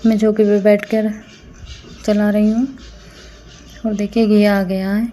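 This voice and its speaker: A woman's voice: medium pitch, flat delivery, takes it slowly, dark tone, soft background music. A woman narrating a casual family vlog at home, chatting to viewers as friends while feeling unwell. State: unwell, tired. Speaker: family vlogger.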